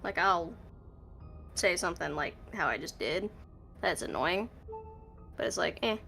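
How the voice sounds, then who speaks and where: A woman's voice: fairly low pitch, animated, a little slow, creaky, a bit bright, faint music behind. A woman streamer chatting casually while playing a game, with a teasing, sassy and self-deprecating way of talking.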